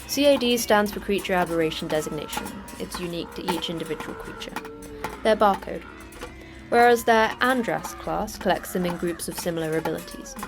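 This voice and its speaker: This sci-fi horror audio drama features a woman with a fairly low voice as the terse, dry overseer of a secret monster prison. She sounds clipped, factual and matter-of-fact in a lightly acted performance.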